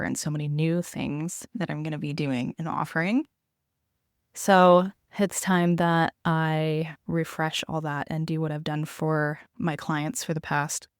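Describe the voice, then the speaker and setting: A woman's voice: low-pitched, clear, resonant tone, no echo, clean studio sound. A woman podcast host chatting casually in a solo intro, recorded inside a small RV trailer.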